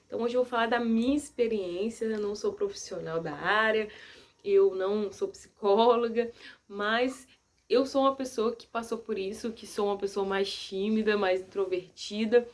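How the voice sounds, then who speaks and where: Soft-spoken high-voiced woman. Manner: soft-spoken, gentle and earnest. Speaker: vlogger. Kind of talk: casual advice to camera.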